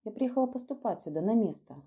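A woman's voice: a little high, expressive, fast talker, dark tone, voice pushed up. A woman voicing a shy, poor young governess who speaks in an earnest, flustered way.

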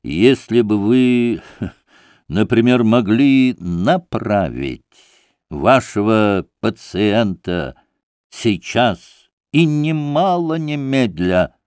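A man's voice: fairly low pitch, expressive, very slow, a little mellow, dry recording, clean studio sound. A man playing a curt, impatient doctor. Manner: clipped, stressing every syllable. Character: curt, impatient, self-important male doctor.

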